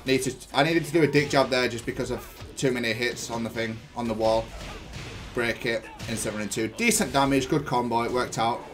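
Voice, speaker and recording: A gaming YouTuber analyses his own match, thinking aloud in gaming jargon as he explains his play. His voice is medium-pitched and fairly quick, with faint music in the background.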